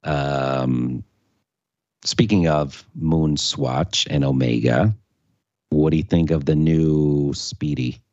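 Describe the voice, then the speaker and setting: Very deep-voiced man on a dull recording. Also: steady tone, takes it slowly, a little mellow, dry recording. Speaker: podcast co-host. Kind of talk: casual watch chat. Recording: dull, dry lo-fi voice track.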